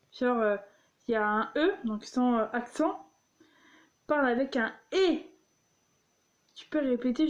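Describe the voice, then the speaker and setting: A woman's voice: on the high side, a little mellow, lo-fi sound. A young woman reading jokes aloud and explaining them, giggling often and tripping over her words. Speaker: vlogger.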